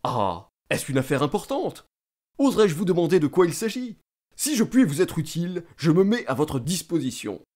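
A man's voice: a little high, sing-song, moderate pace, darkish tone, pitched above the performer's own voice. A man voicing a pompous, talkative middle-aged state councillor who lectures and boasts eagerly. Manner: self-important, eager, lecturing.

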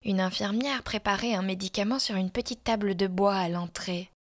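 A woman reading a classic story aloud as narrator, in measured, expressive storytelling. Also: mid-range voice.

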